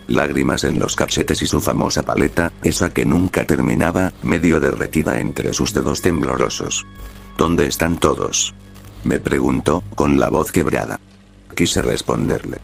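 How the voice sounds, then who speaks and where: A synthetic male text-to-speech voice narrating a horror story in flat, clipped sentences. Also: very deep voice, gravelly.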